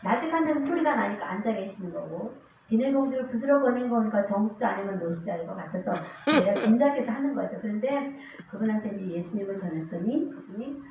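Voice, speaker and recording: A deaconess gives an earnest testimony in a church sanctuary, first reading scripture and then recounting street evangelism stories while acting out the voices she quotes. Her voice is mid-range and darkish, with a little hiss or hum. A distant church mic makes it echoey, dull and lo-fi.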